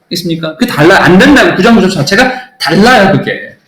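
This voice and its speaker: A man's voice: high-pitched, animated, fairly quick, a bit bright, roomy sound, rough recording. A man teaching English in a recorded class, emphatic and blunt, often checking that students understand.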